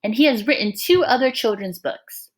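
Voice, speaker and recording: A woman whose voice sits on the high side reads a picture book to young children, teacher-style. Her reading is expressive and encouraging, with pauses to ask the little listeners questions and slip in asides.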